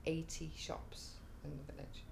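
A middle-aged native Welsh speaker with a Welsh accent, who organises a community cafe, tells stories in a relaxed interview with many fillers and restarts. The delivery is a little slow, and there's background noise.

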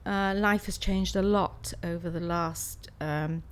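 A woman's voice: lowish voice, steady tone, slow pace. A woman, answering interview questions conversationally and somewhat hesitantly. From Swansea, South Wales. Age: 60s. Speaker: interviewee, art student and practising artist.

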